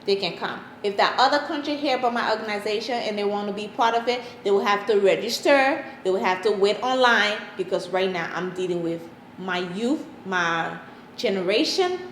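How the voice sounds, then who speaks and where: A woman's voice: mid-range voice, normal speed, fairly bright tone, reverberant, a little hiss or hum, rough recording. A woman from Liberia with a Liberian accent, talking earnestly as a parent in an interview and repeating points for emphasis. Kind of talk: casual interview answers.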